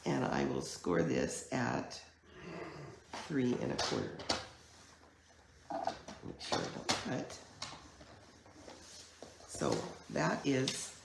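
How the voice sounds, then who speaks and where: A woman with a croaky, hoarse voice from a chest cold, giving a chatty, step-by-step live online card-making class at her craft table. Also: extremely low pitch, noisy background. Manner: chatty, unhurried step-by-step explaining. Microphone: camera mic at a craft table. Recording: echoey room.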